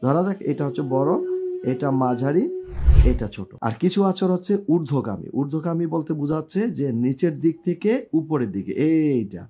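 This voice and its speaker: A man's voice: a little high, expressive, normal speed, dark tone, dull audio, a little hiss or hum. A man with a Bangladeshi Bengali accent teaching a lesson, asking questions and answering them himself, repeating key points. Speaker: shorthand teacher. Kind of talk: classroom lesson.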